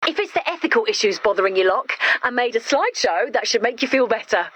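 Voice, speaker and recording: Here a woman performs an eager young girl inventor from an animated game, emphatic and upbeat, treating macabre topics as perfectly ordinary. Her pitch is on the high side, she talks fast, and her tone is insistent. There's no echo.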